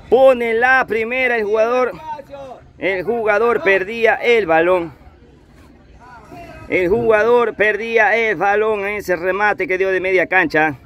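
A man's voice: high-pitched, slow pace, pauses often, fairly bright tone. A man giving live play-by-play football commentary, repeating his phrases over and over. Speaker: amateur football match commentator. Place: outdoors at a football pitch.

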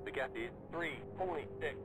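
A man's voice: fairly high pitch, moderate pace, background noise, lightly acted. A man giving terse race spotter radio calls. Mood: flat. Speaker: racing game spotter. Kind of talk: short game callouts.

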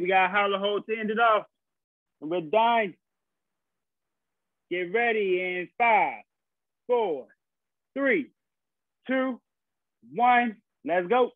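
A man's voice: sits high, dry recording. A young man working as a fitness instructor, coaching a live online workout class with short, encouraging cues and countdowns. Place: small carpeted room at home, indoors. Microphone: laptop or webcam mic on video call. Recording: muffled phone-like video call audio.

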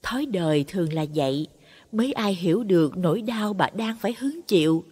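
Breathy woman narrating a reverberant story. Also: medium pitch, fairly quick. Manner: dramatic, expressive narration. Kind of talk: scripted narration of a Buddhist audio story. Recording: long reverb.

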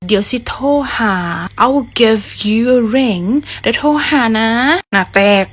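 A woman's voice: mid-range voice, moderate pace, a bit bright. A young woman with an Isan Thai accent, chatting playfully in a vlog and acting out English phrases. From Thailand. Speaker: vlogger teaching English. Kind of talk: casual storytelling vlog.

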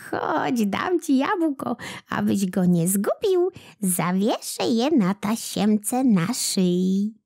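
A woman voicing a cheerful, rosy-cheeked old woman in a storybook, speaking slowly and in a high sing-song way. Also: sing-song, vocal fry, darkish tone, full character voice. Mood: kindly.

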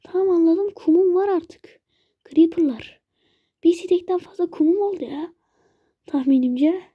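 A woman's voice: very high-pitched, unhurried, no echo, dull audio. A woman giving casual let's-play commentary as host, chatting to and pleading with game monsters as she plays. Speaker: gaming channel host.

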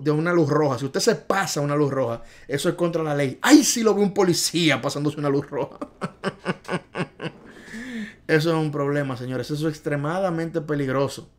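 A fairly high-voiced man leading a driving theory video lesson. He is exuberant and playful, drilling each point through repetition and calling out to his viewers. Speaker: driving test tutor.

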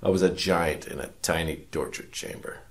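A man plays a cynical, world-weary hard-boiled detective narrating his case in a noir parody radio drama. His low voice has a heavy creak, and he speaks at a moderate pace with wry, deadpan self-importance.

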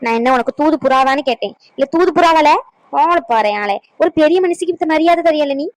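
A woman plays a sarcastic old grandmother in a cartoon. She talks fast in a high voice and scolds her grandson. The sound is dry and close. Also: no room sound, natural voice, poor audio. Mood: scolding.

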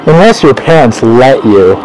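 A man voicing an excited nine-year-old boy at his birthday, gushing with childlike delight and munching noisily between lines. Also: mid-range voice, moderate pace, natural voice, low-quality recording. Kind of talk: solo animation voice acting.

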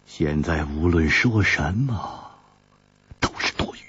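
A man's voice: a bass voice, animated, a bit bright, slightly rough, no room sound. A man narrating a martial-arts audiobook in a dramatic storytelling style. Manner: slow, dramatic storytelling cadence. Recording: dull lo-fi recording, dry.

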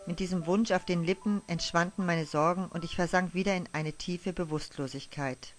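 A woman tells a first-person audio drama in a hushed, wistful manner. Her voice sits fairly low, and soft music plays faintly underneath. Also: fairly even intonation, normal speed. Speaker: narrator.

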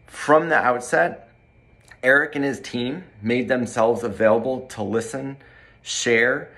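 A man in his forties, a corporate training director, reading a measured, polished testimonial to camera in a bright room by large windows. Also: medium pitch.

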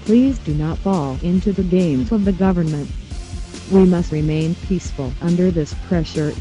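Give me a disguised synthetic computer voice as an anonymous spokesperson, reading a scripted statement in a flat, measured way. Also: medium pitch. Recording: muffled lo-fi audio with faint music.

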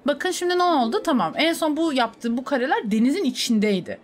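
A woman's voice: high voice, expressive, a little fast, slight background noise. Chatty young woman streaming a game. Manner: chatty, talks to herself and to chat, with sudden laughing outbursts. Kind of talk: casual gameplay commentary.

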